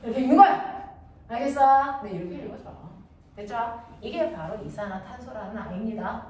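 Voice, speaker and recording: A woman teaching a middle school science class, playfully asking quick check questions and drawing answers from her students. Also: a little high, mellow. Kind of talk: classroom lesson with call-and-response questions. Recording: echoey room, distant mic, background noise.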